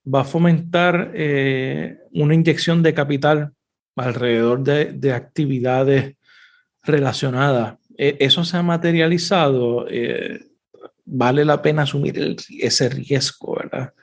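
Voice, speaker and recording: A man hosting an interview podcast, asking questions in a halting way with frequent restarts. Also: a little high, creaky, a little mellow. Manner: halting, restarts phrases often. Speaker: podcast host.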